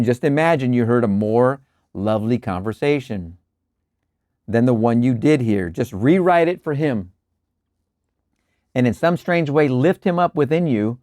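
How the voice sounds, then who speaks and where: A man hosting a show, reading spiritual lecture passages aloud in a measured, deliberate way and breaking off for relaxed asides and quiet chuckles. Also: medium pitch, no room sound, studio quality. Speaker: host reading and explaining lectures. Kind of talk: reading aloud with casual commentary.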